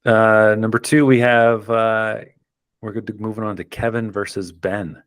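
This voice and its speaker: A man's voice: fairly low pitch, little pitch movement, measured pace, fairly bright tone, smooth, dry recording. A man hosting a fantasy football podcast, talking casually and rambling with lots of ums and restarts. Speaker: podcast host. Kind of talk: casual chat.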